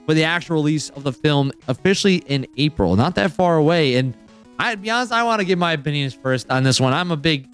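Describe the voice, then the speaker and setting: A man hosting a casual roundtable chat, rambling and excitable, full of filler words. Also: fairly high pitch, fast, clean tone, faint music behind. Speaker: podcast host.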